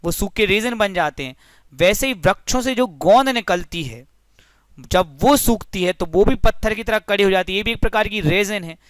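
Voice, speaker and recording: A man's voice: sits high, animated, moderate pace, a bit bright, clean tone, no room sound, studio quality. A young man teaching a physics lesson through a story, friendly and explanatory, often addressing the listeners as friends.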